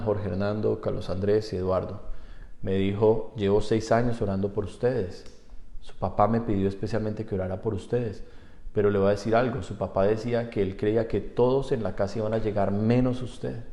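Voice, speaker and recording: A man's voice: lowish voice, warm tone, echoey room. A man, a pastor, preaching a sermon in earnest, moving from personal testimony to fervent exhortation of his congregation. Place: church.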